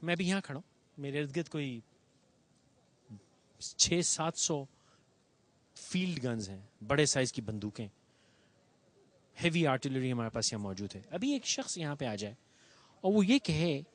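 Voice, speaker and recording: A man's voice: medium pitch, sing-song, pauses often. A man hosting a TV show, speaking earnestly and with grief in an on-location monologue, standing outdoors near a bomb site and mixing English phrases into his speech. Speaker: TV show host.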